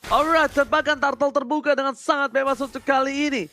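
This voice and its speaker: A man with an Indonesian accent giving excited play-by-play esports commentary in a hyped fighting game announcer style. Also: very high-pitched, a little fast, a little hiss or hum.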